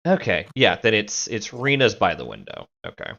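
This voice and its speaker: Low-voiced woman running a tabletop game. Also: huge pitch swings, creaky, fairly bright tone, muffled recording. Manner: casual, halting, with fillers. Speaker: game master.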